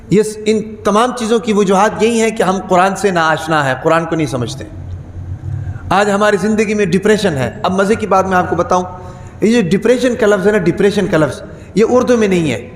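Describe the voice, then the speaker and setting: Delivering a Friday sermon in a high voice, a man keeps asking his congregation rhetorical questions and repeats important words to drive them home. Long reverb fills the echoey hall, and there's slight background noise.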